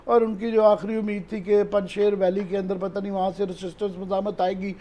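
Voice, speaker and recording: A man with a Pakistani Urdu accent speaks as a talk-show analyst. His voice sits high for a man and has a mellow, soft tone. He explains things earnestly and sprinkles in English terms. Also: level tone. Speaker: political analyst.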